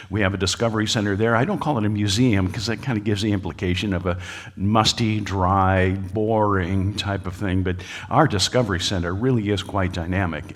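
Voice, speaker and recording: A fairly low-voiced American man lectures to a live audience in a large hall at a creationist talk. He's folksy, cracks jokes, and frequently says uh.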